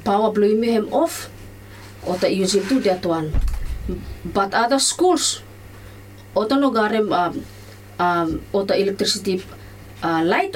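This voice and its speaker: A woman's voice: medium pitch, a little mellow. A woman teacher with a Solomon Islands accent gives a school lesson in Solomon Islands Pijin mixed with English, explaining plainly and repeating key terms. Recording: distant mic with faint background noise.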